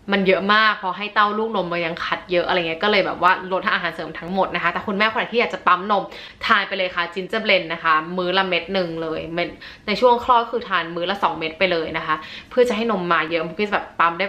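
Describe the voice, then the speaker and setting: A woman's voice: fairly low pitch, bright, forceful tone. A woman who is a new mother vlogging in a casual, chatty and polite way, slipping English words into her talk. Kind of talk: casual chat to camera.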